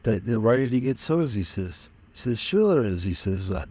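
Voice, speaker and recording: A man's voice: medium pitch, big pitch swings, fairly quick, mellow, slightly rough. An older man from Massachusetts, a musician, reminiscing in a loose, rambling way with many fillers and small chuckles. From Manchester, Massachusetts. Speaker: musician interviewed about his early band days. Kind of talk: casual interview reminiscing.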